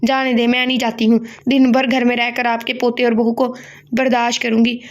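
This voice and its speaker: A woman's voice: fairly high pitch, little pitch movement, normal speed, close to an everyday voice. A woman reading as a cheeky, teasing young bride. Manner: playful, teasing.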